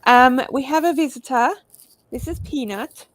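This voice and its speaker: A woman's voice: high-pitched, moderate pace, no room sound. A woman hosting a casual livestream over a video call, chatty and reading viewer comments aloud with small laughs. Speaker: livestream host.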